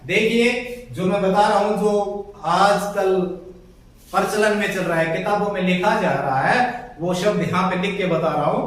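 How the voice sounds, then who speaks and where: A male Hindi grammar teacher giving a blackboard lesson, explaining slowly, spelling out syllables one by one and calling his viewers friends. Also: high voice, a bit bright. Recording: very echoey room, far from the mic.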